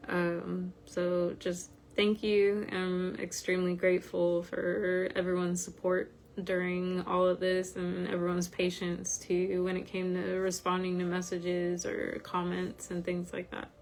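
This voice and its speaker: Woman, informal online group host. Tired, slightly croaky, very slow and even, over background noise. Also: lowish voice. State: tired from medication. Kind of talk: informal livestream talk.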